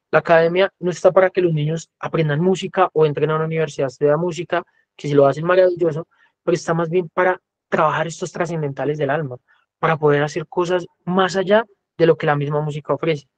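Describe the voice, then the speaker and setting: With a fairly high-pitched voice, a music teacher with a Colombian accent gives an educational talk as a guest speaker. He keeps the lecture conversational and often acts out quoted voices. The recording is dry.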